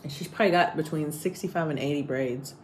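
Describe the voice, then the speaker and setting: A woman's voice: low voice, fast, a little mellow, a little hiss or hum. A woman vlogging in casual chat, rambling and teasing as she talks about her day. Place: hotel room abroad.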